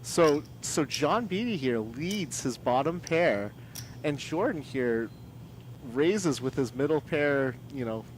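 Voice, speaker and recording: A man commentating on a live poker broadcast, talking in a halting way with many fillers and restarts. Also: a little high, lively intonation, a little hiss or hum.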